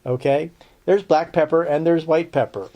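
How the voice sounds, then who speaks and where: A man's voice: a little high, normal speed, dark tone. A man giving a casual spoken lesson on herbs for a podcast, chatty and checking in with his listeners, with dry sarcastic asides. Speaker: herbal lore teacher on a podcast.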